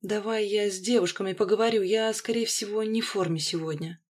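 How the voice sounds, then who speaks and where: A woman voicing a young female courtesan in an audiobook reading, with a breathy, languid manner that turns sharp and high when she takes fright. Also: fairly even intonation, unhurried, natural voice. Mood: uneasy.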